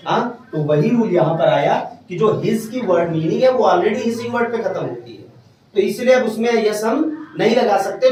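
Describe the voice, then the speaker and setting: A man's voice: sits high, a little mellow, a little hiss or hum. A man teaching a grammar lesson to a class, often stopping to check whether his students have understood. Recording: echoey room from far off.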